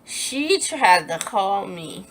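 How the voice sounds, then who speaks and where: An animated young woman tells a personal story in a storytime vlog, acting out quoted lines in a raised voice. Her voice is mid-range and she draws out words, emphatic and repeating herself when upset. A little hiss or hum sits in the audio.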